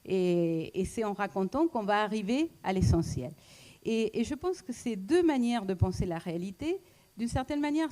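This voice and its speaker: A woman with a foreign accent giving a reflective public talk, pausing often with fillers and restarts. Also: mid-range voice, dark tone. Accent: foreign accent in French. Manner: hesitant, many fillers and restarts. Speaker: speaker at a talk, economist.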